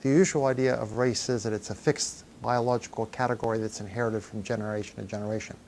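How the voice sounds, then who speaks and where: A man's voice: fairly low pitch, steady tone, fast talker, darkish tone, a little hiss or hum. A man answering in an interview in a thoughtful, conversational way. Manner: thoughtful, conversational, with some restarts.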